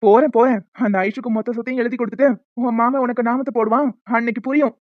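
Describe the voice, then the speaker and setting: A woman's voice: a little high, steady tone, fast talker, dry recording, close to an everyday voice. A woman voicing a greedy middle-aged father in a cartoon who lectures dismissively about money, in a dry, dull lo-fi recording. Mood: scheming. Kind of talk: amateur cartoon voice acting.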